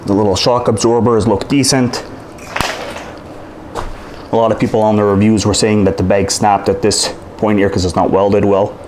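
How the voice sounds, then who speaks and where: A man's voice: fairly low pitch, little pitch movement, normal speed, darkish tone, a little hiss or hum. A man casually reviewing a product at home, talking in a blunt, frank and slightly exasperated way. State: out of breath after punching. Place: home room with hardwood floor.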